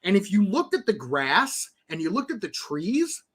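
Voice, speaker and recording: A man hosting a live stream, reading game patch notes and rambling through them with lots of fillers, restarts and excited asides. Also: high voice, moderate pace, slightly rough. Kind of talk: casual commentary.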